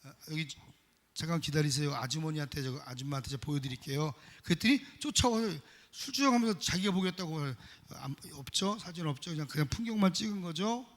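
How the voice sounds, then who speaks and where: A middle-aged man preaching a sermon as pastor, emphatic, swinging from loud exhortation to quiet confession. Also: on the high side, lively intonation, brisk. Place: church sanctuary. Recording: long church hall reverb.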